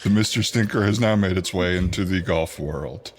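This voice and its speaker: A man's voice: sits low, normal speed, darkish tone, slight background noise, close to an everyday voice. A man playing a jokey golf commentator in a parody sports broadcast.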